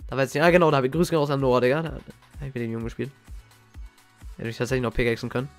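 A young man giving casual, slangy reaction commentary as a gaming YouTuber, excitable and reminiscing. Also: mid-range voice, racing. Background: faint game music.

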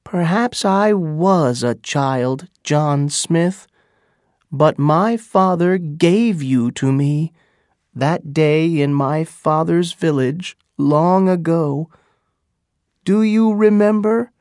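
Pocahontas, hurt young wife, as a narrator voices her, pitched up. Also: very slow, darkish tone, no room sound, clean studio sound. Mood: angry, hurt. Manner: emotional, reproachful. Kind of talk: audiobook character dialogue.

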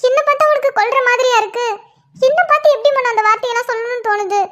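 A woman's voice: very high-pitched, very fast, fairly bright tone. A woman voicing a young cartoon girlfriend who teases and nags, twisting every reply into a complaint. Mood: teasing complaint. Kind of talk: cartoon voice acting.

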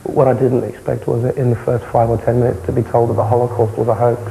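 A young man with a South London accent, answering interview questions in a matter-of-fact, halting way. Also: medium pitch, flat delivery, vocal fry, dark tone, slight background noise, low-quality recording. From South London, England. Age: young adult. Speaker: interviewee, former far-right insider. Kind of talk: candid television interview. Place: indoor television interview, close camera.

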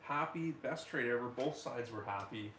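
A man's voice: medium pitch, expressive, moderate pace, bright, forceful tone, a little hiss or hum. A man, chatting casually and telling rambling stories as a homestead channel host in a living room. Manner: easygoing, rambling storyteller. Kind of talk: casual group chat. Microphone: far camera. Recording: echoey room.

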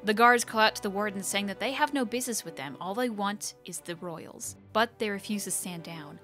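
A woman hosting a book channel, recapping novel chapters in an even storytelling read-aloud. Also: medium pitch, a little fast, soft background music.

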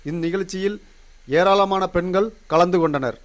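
A man with a Tamil Nadu accent reads a local news report. His voice sits high for a man, and he keeps a formal, measured newsreader delivery throughout. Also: steady tone. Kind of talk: scripted news narration.

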